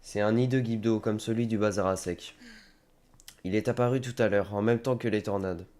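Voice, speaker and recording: A man's voice: fairly low pitch, steady tone, normal speed, a little mellow, lightly acted. A man with a cold reading out a game ally's dialogue in a plain voice. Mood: earnest.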